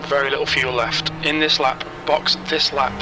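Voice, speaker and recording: A man voicing a racing spotter who gives terse pit radio calls, clipped and flat, about gaps, fuel and traffic. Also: fairly high pitch, moderate pace. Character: calm male racing spotter on team radio. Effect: terse pit radio call. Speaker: race spotter and crew chief. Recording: distant voice over loud engine noise. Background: race car engine roar.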